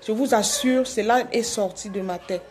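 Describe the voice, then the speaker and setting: A woman's voice: medium pitch, moderate pace, a little mellow, slight background noise. A woman on a phone live stream, pleading with her followers, repeating herself with hesitant restarts. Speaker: livestreamer addressing her followers. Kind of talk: live video apology.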